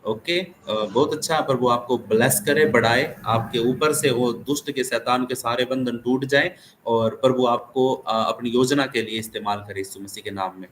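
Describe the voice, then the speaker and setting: A man's voice: medium pitch, fairly even intonation, normal speed, fairly bright tone, slight background noise. A man who is a pastor, giving earnest, encouraging counsel to a caller on an online meeting, often checking in with his listener. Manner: earnest, encouraging, many tag questions. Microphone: video call.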